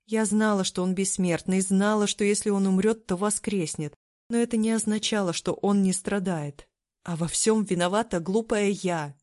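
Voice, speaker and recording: A woman reading a novel aloud as first-person scripted narration, in a steady, even storytelling manner. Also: medium pitch, normal speed, dry recording, studio quality. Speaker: audiobook narrator.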